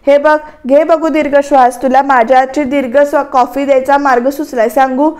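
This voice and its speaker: A feisty young wife from a TV serial who teases and argues back, as a woman reads her lines. She speaks in a high voice. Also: level tone, fairly quick, darkish tone, close to an everyday voice. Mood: bickering. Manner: teasing, argumentative.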